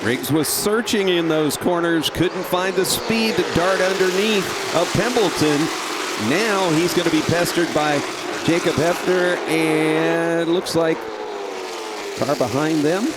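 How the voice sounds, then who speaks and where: A man working as a co-announcer, calling a race live in an animated, exclamatory way as a race caller. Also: fairly high pitch, takes it slowly. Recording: clear engine noise behind. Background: race cars.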